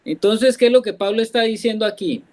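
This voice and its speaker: A Colombian man with a notably high voice leads a church Bible study. He explains each verse patiently and keeps putting questions to his listeners. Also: fairly quick, low-quality recording. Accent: Colombian Spanish. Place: church, class also joined online.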